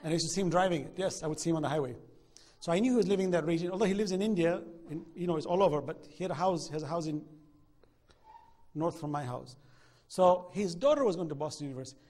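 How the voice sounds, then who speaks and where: A middle-aged man teaching a religious class, telling stories in a lively way and acting out what people said. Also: a little high, quick pace. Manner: animated storyteller acting out quoted dialogue. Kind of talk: lecture with anecdotes.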